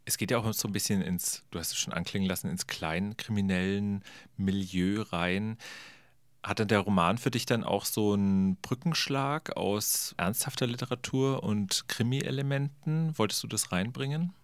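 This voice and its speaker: A man interviewing an author on the radio, asking measured, thoughtful questions. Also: fairly low pitch, no echo, clean studio sound.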